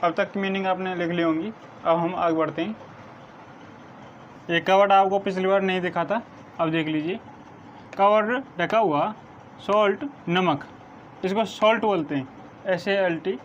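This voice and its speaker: High voiced male teacher reading out word meanings slow, spells stuff letter by letter, kinda muffled lo-fi audio. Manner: slow, measured dictation, spelling words letter by letter. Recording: dull lo-fi sound with faint noise.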